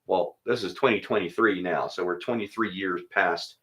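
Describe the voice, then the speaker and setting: A man's voice: sits low, normal speed, fairly bright tone. A man who is a pastor, chatting casually and thinking aloud, then leading a spoken prayer. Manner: easygoing, thinks aloud, chuckles between thoughts.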